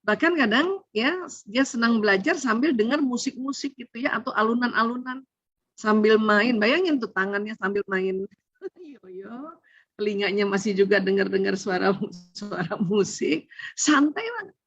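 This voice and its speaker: A middle-aged woman giving a parenting seminar, chatty and animated, laughing often. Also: medium pitch, normal speed, slightly rough, no echo. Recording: dull lo-fi sound.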